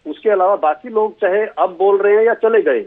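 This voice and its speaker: A man's voice: sits high, fairly quick. A man from Haryana, speaking as a party spokesman in a TV political debate, telling folksy anecdotes. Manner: folksy, tells anecdotes with acted quotes. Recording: tinny phone line.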